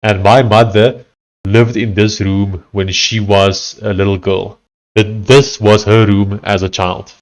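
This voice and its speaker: On a rough recording, a South African man with an Afrikaans accent talks in a fairly low, level voice while livestreaming his coding. He's conversational, reading chat messages and other text out loud in a halting way.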